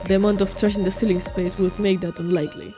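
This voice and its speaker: A woman voicing a calm, theatrical male detective, reading a visual novel aloud with measured, grandly formal questions. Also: medium pitch, over music, voice pushed down, lightly acted.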